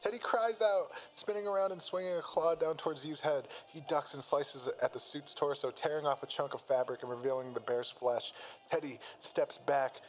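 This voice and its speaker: A man's voice: fairly high pitch, moderate pace, rough recording. A man reading a fan-written fight story aloud and breaking off to comment. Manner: reads plainly, breaks off to laugh and comment. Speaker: story reader and reactor.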